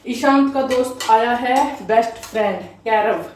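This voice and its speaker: A woman's voice: a little high, unhurried, a little mellow. A woman, chatting homely and direct to viewers in a home vlog, recorded on a phone in her kitchen with a fan humming. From Haryana, India. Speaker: housewife vlogger. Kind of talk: casual home vlog chat. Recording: echoey room with fan hum. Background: ceiling fan noise.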